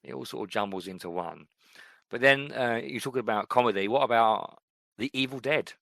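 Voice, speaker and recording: This clip has clean studio sound with no room tone, and a middle-aged male podcast co-host speaks in a mid-range, creaky voice at a fairly quick clip. His casual chat is loose and rambling, packed with fillers.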